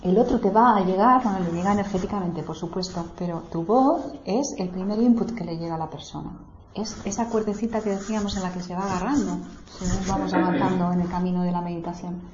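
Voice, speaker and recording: A woman guides a small circle of students, calm and explanatory. Her voice is mellow and dark. The recording is roomy and a little dull, with faint hiss behind. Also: on the low side, quick pace. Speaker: meditation teacher. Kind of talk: teaching a small group. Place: room with people seated in a small circle.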